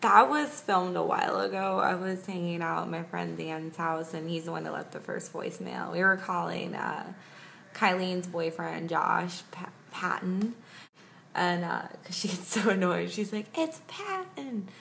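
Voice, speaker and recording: A woman's voice: on the low side, fairly even intonation, moderate pace, gravelly, a bit bright. A young adult woman vlogger chatting casually to camera at arm's length in a small room. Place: small indoor room at home. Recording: faint background noise.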